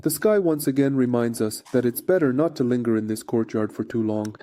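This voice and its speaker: A man's voice: medium pitch, brisk, very noisy. A man narrating a scripted frontline report as a war correspondent.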